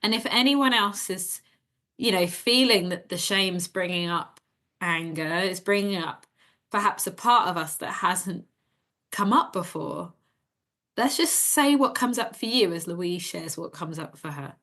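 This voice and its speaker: A woman leads an emotional tapping session in a gentle, steady way. Her voice sits a little low, and she gives short phrases one by one for her partner to echo back. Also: a little slow. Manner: calm, gentle instructions, giving phrases to repeat. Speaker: EFT tapping practitioner.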